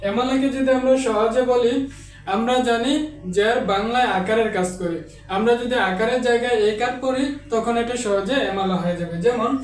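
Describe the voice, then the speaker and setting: A man teaching an online Quran reading lesson, explaining each rule and then chanting Arabic examples in a slow, drawn-out recitation. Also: very high-pitched, recorded from a distance. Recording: echoey, off-mic room sound.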